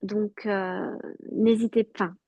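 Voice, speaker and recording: A woman giving a halting, earnest personal testimony over a video call. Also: medium pitch, steady tone, warm tone, husky, no echo, highs cut off. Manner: halting, many fillers and restarts, earnest. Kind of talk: personal testimony in an online talk.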